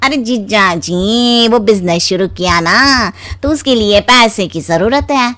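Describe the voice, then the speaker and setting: A woman voicing a freeloading brother-in-law in an animated story, drawling and ingratiating. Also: medium pitch, slow pace, no echo. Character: slow-talking, freeloading brother-in-law in a cartoon.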